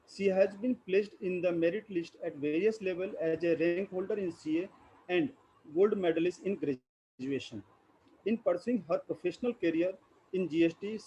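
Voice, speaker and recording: A man's voice: high-pitched, mellow, a little hiss or hum, poor audio. A man with an Indian accent reading a formal introduction of a guest speaker.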